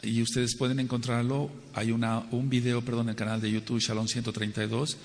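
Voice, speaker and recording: A man's voice: medium pitch, flat delivery, brisk. Emphatic man preaching in a reverberant hall. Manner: rhetorical, emphatic, repeats phrases for stress; acts out quoted people with a raised voice. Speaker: Messianic Torah teacher. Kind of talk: Torah teaching sermon.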